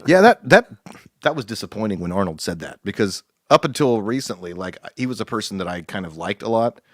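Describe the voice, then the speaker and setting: A man's voice: fairly low pitch, animated, brisk, fairly bright tone, dry recording, studio quality. A man co-hosting a podcast, rambling in casual chat and laughing often. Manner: rambling, laughs often, quotes people in put-on voices. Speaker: podcast co-host.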